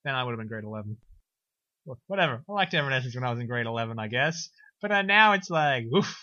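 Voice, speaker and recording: A young man casually recapping a film on a podcast, sarcastic and animated, slipping into silly voices. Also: medium pitch, quick pace, no room sound. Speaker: podcast co-host. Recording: dull lo-fi dry recording.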